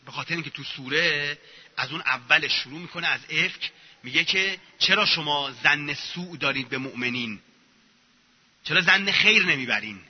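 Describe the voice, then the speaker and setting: Husky high-voiced man, sarcastic lecturer. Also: animated. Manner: sarcastic, acts out mocking examples. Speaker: religious lecturer. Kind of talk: informal Quranic lecture. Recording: muffled echoey hall recording.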